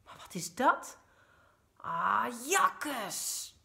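A woman voicing a busy mother who startles easily, brisk and exclaiming in a children's story reading. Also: a little high, sing-song, pitched above the performer's own voice. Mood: startled.

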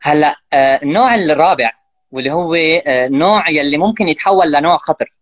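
Man, rapid-fire interview guest, very dry close recording, animated dialogue bits. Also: on the high side, no room sound, lo-fi sound. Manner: fast, animated, acts out parent and child lines. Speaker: guest expert on parenting. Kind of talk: casual explanatory interview talk.

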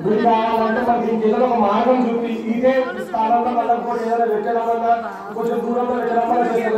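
A man respectfully petitioning an oracle as a devotee at an outdoor gathering. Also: very high-pitched. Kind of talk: pleading petition to a goddess. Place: outdoor hillside temple gathering. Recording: echoing distant PA, dull, crowd noise.

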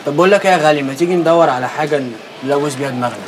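A man's voice: a little high, rapid-fire, noisy background, close to an everyday voice. An actor playing an idle young man who teases his friends in slang, with an Egyptian accent. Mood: teasing. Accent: Egyptian Arabic. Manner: teasing, slangy.

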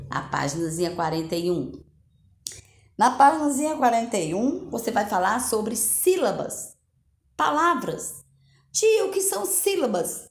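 Woman, Brazilian Portuguese accent, primary teacher, sing-song and coaxing, gravelly edge, roomy echo. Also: on the high side. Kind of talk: recorded remote lesson for young children.

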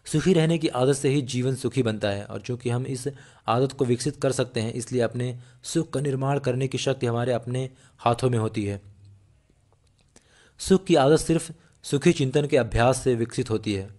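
Male narrator, mid-pitched, steady earnest audiobook read with the odd slip. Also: normal speed. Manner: steady, earnest reading with small slips and restarts.

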